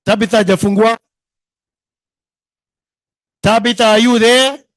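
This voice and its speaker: A Kenyan man with a very high-pitched voice works as master of ceremonies, heard through loudspeakers with little echo. He is playful and informal, repeats phrases for emphasis and slips between English and Swahili. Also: steady tone, measured pace, studio quality. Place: live reunion gathering with a microphone.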